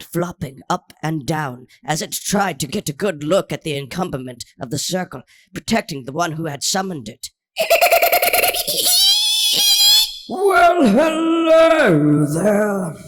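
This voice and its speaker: Man with a husky, fairly high voice narrating. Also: a bit bright. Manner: earnest, wordy storytelling. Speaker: audiobook narrator. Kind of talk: first-person scripted narration.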